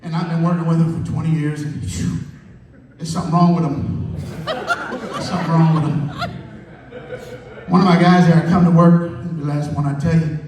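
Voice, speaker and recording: On a comedy club stage, a stand-up comedian tells profane stories and acts out the dialogue in a fairly high-pitched, darkish voice. The recording is echoey, with a distant mic and crowd sound.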